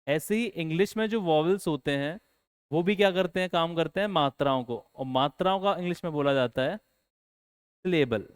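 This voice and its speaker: A man's voice: on the high side, clean tone. A man teaching English in a classroom lecture, asking the students questions and then answering them himself.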